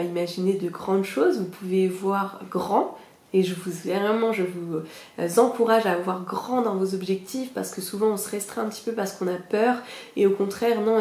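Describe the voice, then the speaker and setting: A woman's voice: medium pitch, a little mellow, reverberant. A young woman hosting a podcast, explaining a goal-setting method in a casual, chatty way, with many fillers and direct, reassuring asides to her listeners. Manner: chatty, many fillers, self-mocking laughs. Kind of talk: casual spoken lesson.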